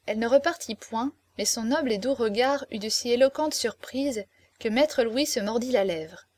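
A woman narrates a classic novel with a measured, expressive reading. Her voice sits somewhat high, and the recording is dry and close with no room sound. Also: dry recording. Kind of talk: scripted audiobook narration.

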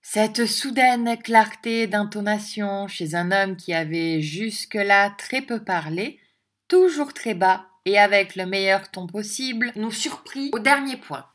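A woman's voice: mid-range voice, slow pace, fairly bright tone. Woman narrating a classic French novel. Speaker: audiobook narrator. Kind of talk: literary audiobook narration.

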